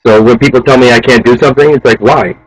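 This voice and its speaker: A man in his thirties, a chef interviewed as a guest, talking casually and urging people on in a fast, animated way. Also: medium pitch, rough recording. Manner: fast, animated, motivational, says "man" a lot.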